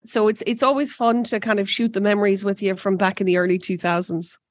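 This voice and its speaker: A woman in her forties from Ireland, president of an energy company, is the guest in an interview conversation. She speaks with an Irish accent in a medium-pitched, steady voice at a brisk pace, enthusiastic and often restarting her sentences. There's no echo.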